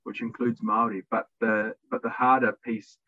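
A man's voice: fairly low pitch, little pitch movement, moderate pace. A young man from New Zealand with a New Zealand accent, a podcast guest talking thoughtfully and carefully in a casual interview. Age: young adult. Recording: dry, tinny phone-like line.

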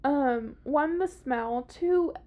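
A woman's voice: high-pitched, extremely slow, a little mellow. A woman with a Southern US accent co-hosting a podcast, telling a story casually in a blunt, sweary, sardonic way. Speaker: podcast co-host telling a true-crime story.

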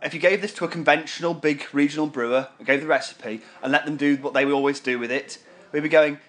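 A man's voice: on the high side, steady tone, fast, fairly bright tone. A man co-hosting a casual beer review chat, easygoing and knowledgeable about brewing and yeast. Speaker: beer podcast co-host.

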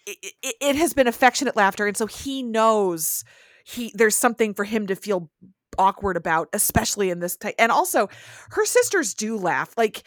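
A woman's voice: medium pitch, lively intonation, moderate pace, no echo, clean studio sound. A woman romance novelist, a guest on a podcast, discussing a film thoughtfully with self-aware asides.

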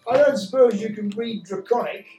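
A woman's voice: a little high, a little fast, warm tone, distant mic, highs cut off. Woman player in an echoey room. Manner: casual, with hesitant fillers. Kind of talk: tabletop role-play. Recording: echoey room, off-mic, faint music.

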